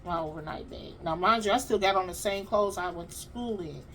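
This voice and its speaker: A woman's voice: mid-range voice, a little fast, slight background noise. Chatty woman telling a story to viewers. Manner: animated, chatty, talks straight to the audience. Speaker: vlog host.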